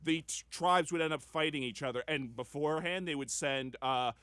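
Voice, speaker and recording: A man's voice: a little high, moderate pace, a bit bright, clean tone, no echo. A man co-hosting a podcast, lecturing insistently and talking over the others in a heated casual debate. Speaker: podcast co-host.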